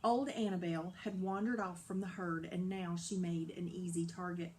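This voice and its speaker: A woman narrating a children's novel aloud in a lively, dramatic storybook style. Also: lowish voice, moderate pace, slight background noise. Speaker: audiobook narrator.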